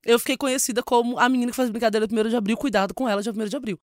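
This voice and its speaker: Fast-talking São woman comedian. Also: on the high side, dry recording, clean studio sound. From São Paulo, Brazil. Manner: animated, laughing storyteller acting out quotes. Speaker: comedian guest. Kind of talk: casual interview storytelling.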